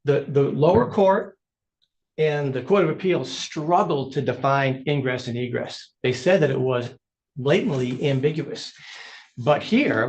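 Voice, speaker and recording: A man's voice: mid-range voice, low-quality recording. A man making a legal argument to a judge as an attorney, in short, emphatic points. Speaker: attorney arguing before a judge. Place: courtroom.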